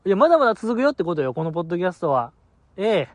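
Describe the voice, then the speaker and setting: A man's voice: high-pitched, big pitch swings, very fast, no room sound. A man hosting a podcast alone, chatting casually in a rambling, self-mocking and sleepy way. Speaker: podcast host. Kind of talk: casual solo podcast chat.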